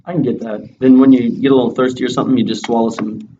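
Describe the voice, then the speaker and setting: A man with a mid-pitched voice chats casually with a lip full of dip, slipping in dry, crude jokes. The sound is dull and lo-fi, with faint noise. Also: fairly even intonation, racing, dark tone. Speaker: co-host reviewing dipping tobacco. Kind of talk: casual chat review.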